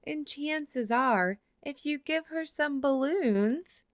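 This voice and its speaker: A woman with a fairly high, bright voice reads a children's picture book aloud, acting as a storybook reader. Her narration is expressive and slows for the final lines. The recording is close and dry, with no room echo.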